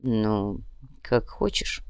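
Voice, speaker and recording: A woman reading an audiobook voices a calm, measured male grand master with soft irony. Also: extremely low pitch, smooth, dry recording. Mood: cool. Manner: measured, softly ironic.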